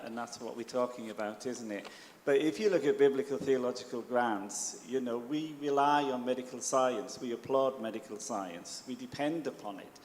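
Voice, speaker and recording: A man, a pastor, answering calmly and in measured terms on a church panel, with frequent fillers. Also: mid-range voice. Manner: calm, measured, with many fillers. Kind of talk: panel discussion. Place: church hall. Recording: roomy echoey hall, faint background noise.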